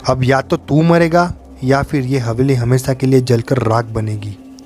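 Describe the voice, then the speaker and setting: A man voicing a vengeful, burned woman ghost in a spoken horror story, with a slow, low, menacing delivery. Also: steady tone, darkish tone, soft background music, close to an everyday voice.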